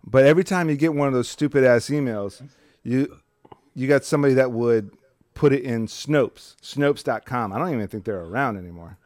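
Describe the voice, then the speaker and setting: A man's voice: medium pitch, fairly quick, darkish tone, no room sound, clean studio sound. A man co-hosting a podcast in loose, profane, joking chat. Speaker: podcast co-host. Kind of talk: casual chat.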